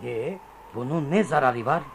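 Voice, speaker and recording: An actor playing a wary, worried soldier in a radio play, speaking colloquially to a comrade. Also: male voice, mid-range voice, lively intonation, normal speed, vocal fry, a little hiss or hum.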